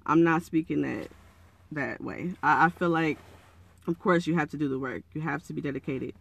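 A podcast host speaks in a casual, earnest, encouraging monologue, his voice raspy and froggy like it's early morning, with a slight hoarseness. His pitch is a little high, his pace moderate, and his tone fairly bright.

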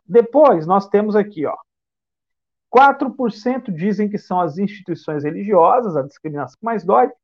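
A man's voice: high voice, muffled recording. Brazilian man giving a reflective talk. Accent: Brazilian Portuguese. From São Paulo state, Brazil. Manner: reflective, rhetorical questions. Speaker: spiritist speaker. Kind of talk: lecture.

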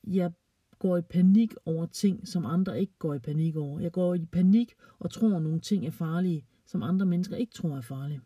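A woman gently reading a children's story aloud, playfully voicing the characters. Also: fairly low pitch, slightly rough, no room sound, distant mic, muffled recording.

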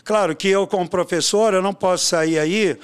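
Speaking casually in an interview, this swimming coach and educator is an older man whose voice is high and smooth. His pace is moderate, and he spins animated stories peppered with tag questions.

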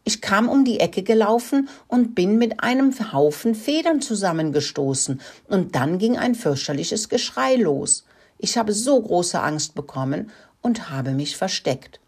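A woman's voice: mid-range voice, lively intonation, unhurried, darkish tone, slightly rough, pitched above the performer's own voice. A woman voicing a clumsy, fearful young rat who speaks nervously. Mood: anxious. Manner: trembling, nervous.

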